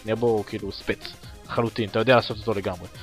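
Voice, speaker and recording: A man's voice: on the low side, steady tone, soft background music. A man co-hosting a casual gaming podcast who teases and jokes in banter. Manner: teasing, joking banter. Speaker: podcast co-host.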